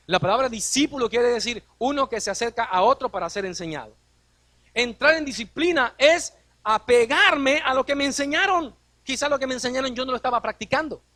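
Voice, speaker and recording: A man's voice: extremely high pitch, sharp tone, dry recording. A man preaching a sermon as a pastor, posing rhetorical questions and acting out quoted dialogue.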